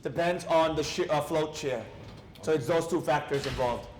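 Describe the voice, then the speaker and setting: A man mentoring trading students in casual talk, animated, asking the group questions. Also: on the high side, moderate pace, reverberant. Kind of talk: casual teaching chat.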